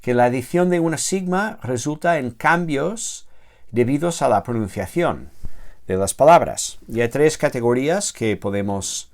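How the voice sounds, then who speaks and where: A theology teacher gives a grammar lecture in an expressive, mid-range voice, moving slowly and haltingly. He corrects himself often, uses many filler sounds, and draws out the word forms as he spells them.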